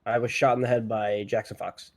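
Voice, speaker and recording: A man's voice: mid-range voice, little pitch movement, brisk. A man playing a witness in a roleplay courtroom, telling his story in a rambling way with lots of fillers and restarts. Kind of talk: casual roleplay testimony.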